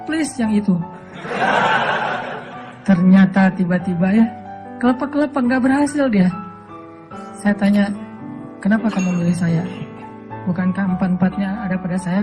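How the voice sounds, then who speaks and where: A middle-aged male Islamic preacher from Aceh, giving a relaxed, humorous sermon that jokes and acts out voices in his stories. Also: high-pitched. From Aceh, Indonesia. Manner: joking storytelling, often laughing.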